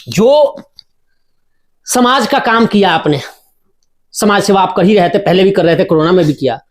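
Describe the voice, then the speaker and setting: A male local news interviewer who speaks respectfully and effusively, often murmuring agreement. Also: fairly high pitch. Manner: frequent affirming hums, respectful and effusive.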